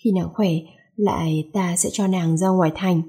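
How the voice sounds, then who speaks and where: A woman voicing a possessive, commanding young male emperor in a read-aloud story, in a mellow, husky voice. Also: lowish voice, steady tone, normal speed.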